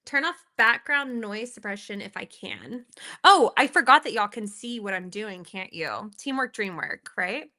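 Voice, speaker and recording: A woman's voice: mid-range voice, expressive, a little slow, sharp tone. A woman hosting a casual live stream, chatting and laughing with her viewers while she reacts to videos and fixes her audio, heard through a laptop microphone at home. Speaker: livestream host reacting to videos. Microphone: laptop built-in microphone.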